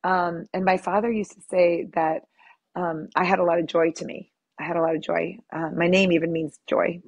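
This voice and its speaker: Husky, low-voiced woman guest. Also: little pitch movement, moderate pace, no room sound, dull audio. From born in Lebanon, raised near Boston. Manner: warm, laughing, lots of ums. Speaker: guest, yoga teacher. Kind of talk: casual interview.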